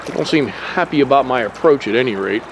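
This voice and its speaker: Hiking through the woods, a Pennsylvania nature vlogger narrates casually and fast, rambling along with lots of fillers, some mild swearing, and vocal fry in his mid-pitched voice. The handheld camera outdoors picks up a soft hiss of open air and running water.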